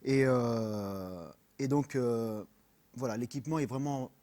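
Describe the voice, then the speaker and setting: Earnest French-accented man, halting speech. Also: mid-range voice, dark tone. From France. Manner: earnest, halting, many fillers, mixes in English. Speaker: personal trainer, guest. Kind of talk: radio interview.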